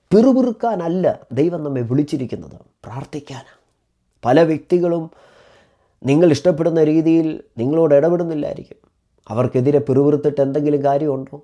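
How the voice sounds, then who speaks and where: Malayali male preacher, warm and dark tone, rhythmic repetitive sermon delivery with emphatic exhortations. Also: a little high. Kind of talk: devotional sermon.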